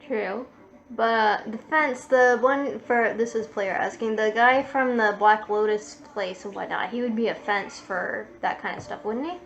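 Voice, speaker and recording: A woman playing a tabletop game, chatty and thinking her plans out loud. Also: fairly high pitch, a little slow, muffled recording. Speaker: player.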